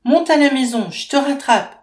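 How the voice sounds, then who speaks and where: A woman's voice: high-pitched, moderate pace, darkish tone, voice pushed up, natural voice. A woman voicing a young mother in her twenties who is panicking over her sick baby, with urgent, pleading outbursts. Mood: panicked. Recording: roomy echo.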